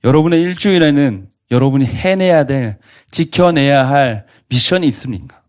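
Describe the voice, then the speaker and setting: A man's voice: mid-range voice, animated, normal speed, darkish tone. A man pastor preaching a sermon to a college congregation, earnestly asking them repeated questions.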